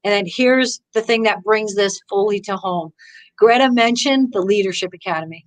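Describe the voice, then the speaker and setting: A woman's voice: medium pitch, moderate pace, low-quality recording. A woman golf teacher, a guest in an interview, telling stories with enthusiasm and acting out what people said. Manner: enthusiastic, acts out quotes with lively voices; frequent restarts, "you know". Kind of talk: conversational interview storytelling.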